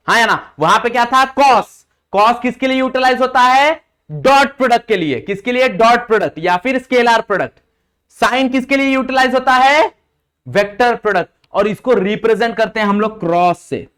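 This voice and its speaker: A man's voice: high-pitched, a bit bright, smooth. A young man teaching a physics lesson in Hindi with English terms, repeating each point and quizzing his students. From India. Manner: slows sharply on English formula lines. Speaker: physics tutor. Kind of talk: classroom lecture mixing Hindi and English.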